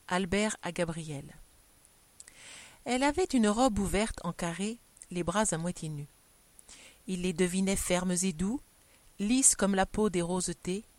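A woman narrating a short story in a measured, expressive literary reading. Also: medium pitch, no room sound.

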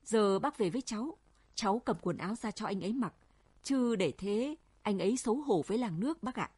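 Lady reading as a soft young village guy, husky, talking a scared friend round, dry close sound. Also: medium pitch, animated, brisk, no room sound. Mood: pleading. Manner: soft pleading reasoning. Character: young village man, gentle and coaxing.

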